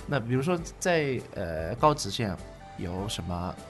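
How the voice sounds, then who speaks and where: Japanese guy hosting a chat in halting japanese accented mandarin, pitch jumps around, bit of music behind. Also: big pitch swings. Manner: halting, simple phrasing with frequent short echoes of the guest. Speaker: podcast host. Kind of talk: casual interview chat.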